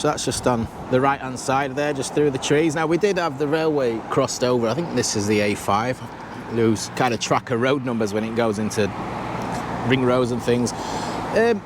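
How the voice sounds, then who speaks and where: A man's voice: medium pitch, background noise. A man hosting a travel vlog, chatting casually as he walks through town streets, often restarting and turning to the viewer with asides. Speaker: travel vlogger and host. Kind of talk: casual walking-tour commentary. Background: background music.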